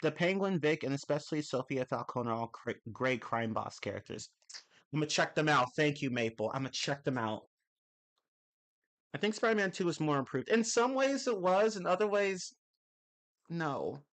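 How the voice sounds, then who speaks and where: A young man hangs out on a live stream, reading chat aloud and answering in a rambling, casual way, with self-corrections and casual swearing. His voice is slightly high and a bit bright, swinging widely in pitch at a moderate pace. A cold has left it a little off.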